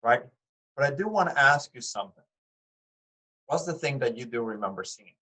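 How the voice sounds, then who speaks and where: A man's voice: mid-range voice, expressive, moderate pace, sharp tone, poor audio. A man teaching an art class, speaking conversationally to his students with fillers and restarts, often putting questions to them. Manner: addresses students directly with questions. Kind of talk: recorded class lecture.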